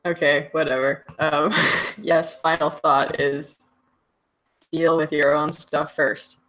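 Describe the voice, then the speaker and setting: A man's voice: on the high side, level tone, slow pace, pushed and bright, low-quality recording. A man co-hosting a casual podcast, mildly exasperated and wishing the show had less swearing. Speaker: podcast co-host. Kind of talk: casual chat.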